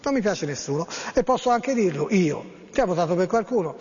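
A man with a high voice jokes his way through viewer messages as a TV host, stretching his fillers and teasing his audience. The sound is dull and lo-fi with a long hall echo. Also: lively intonation, a little mellow, a little hiss or hum. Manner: chatty, teasing, many drawn-out fillers. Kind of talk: jokey live TV call-in chat.

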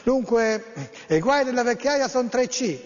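Chatty high-voiced TV host. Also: male voice, lively intonation, in a large hall, muffled recording. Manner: chatty, teasing, many drawn-out fillers. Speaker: TV host reading viewer text messages. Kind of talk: jokey live TV call-in chat.

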